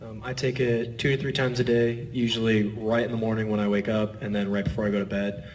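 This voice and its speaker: A man speaking on an athlete panel, relaxed and dotted with fillers. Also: lowish voice, brisk, a little hiss or hum. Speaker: panelist, swimmer. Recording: distant mic in an event space.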